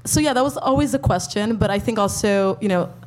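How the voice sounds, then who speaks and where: A woman's voice: medium pitch, brisk, a little mellow. A young woman in casual conversation, speaking hesitantly with many "like"s and "um"s. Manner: hesitant, lots of "like" and "um". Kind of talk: casual chat.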